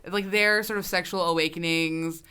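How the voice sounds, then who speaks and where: A woman's voice: lowish voice, fairly even intonation, moderate pace, sharp tone, smooth. A woman hosting a pop culture podcast, chatting enthusiastically with casual fillers. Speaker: podcast co-host. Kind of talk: casual chat.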